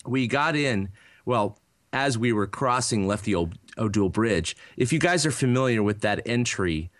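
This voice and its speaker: Animated man telling a long story. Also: medium pitch, normal speed, no room sound, studio quality. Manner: rambling storyteller with many fillers and restarts. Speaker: podcast co-host. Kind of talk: casual chat.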